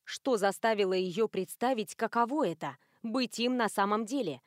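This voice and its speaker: A woman reading an audiobook as narrator in an even, clear storytelling manner. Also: medium pitch, normal speed, dry recording, clean studio sound. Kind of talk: scripted narration.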